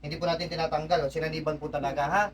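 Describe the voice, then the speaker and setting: A spiritual healer speaks very fast in a fairly high, level-toned male voice, insistently questioning a spirit and pressing with repeated "ha?" before explaining the session to onlookers. The distant mic picks up faint background noise.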